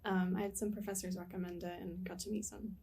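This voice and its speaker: A woman's voice: lowish voice, level tone, fast, creaky, dark tone. Young college woman, friendly. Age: young adult. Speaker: student guest. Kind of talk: casual interview answers.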